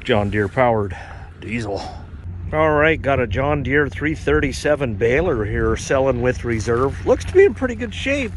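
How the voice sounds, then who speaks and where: A man's voice: medium pitch, normal speed. A man strolls an outdoor auction lot, chatting loosely about each machine with plenty of ums and asides. His voice sits in a middling register, and a little wind hiss from outdoors comes through the camera mic. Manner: relaxed, rambling, uses fillers. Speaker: farm equipment vlogger. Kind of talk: casual walk-around commentary.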